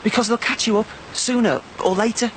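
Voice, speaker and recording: A man's voice: sits high, a little fast, lightly acted. An actor playing an earnest young father in a soap opera, talking a friend out of running away. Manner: earnest, persuasive. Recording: steady background noise.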